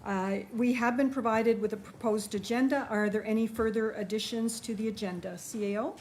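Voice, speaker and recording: A woman serving as mayor, chairing a town council meeting in a measured, procedural way. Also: fairly high pitch, fairly even intonation, a little mellow, a little hiss or hum.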